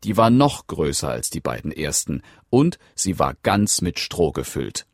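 Low-voiced guy reading a fairy tale, slow and lively, dry close mic. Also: no room sound. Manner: slow, expressive storytelling. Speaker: audiobook narrator. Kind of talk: scripted fairy-tale narration.

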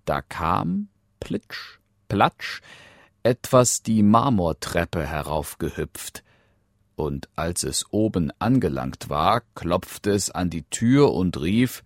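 A man reading a fairy tale aloud in a slow, expressive storytelling manner. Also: low-pitched, gravelly, no room sound, studio quality.

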